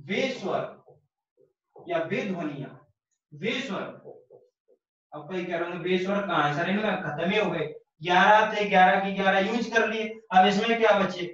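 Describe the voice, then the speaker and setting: A man's voice: high voice, normal speed, long pauses, fairly bright tone. A man teaching an online Hindi grammar lesson, explaining patiently, repeating key phrases and answering his own questions. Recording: distant, dull, very echoey room.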